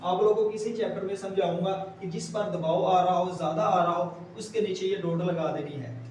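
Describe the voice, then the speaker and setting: Male tutor, high-pitched voice, patient and repetitive, recorded from a distance in an echoey room. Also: steady tone, darkish tone. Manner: patient, repeats words slowly while writing. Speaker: shorthand teacher. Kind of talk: step-by-step tutorial explanation. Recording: roomy echo, distant mic, faint hiss.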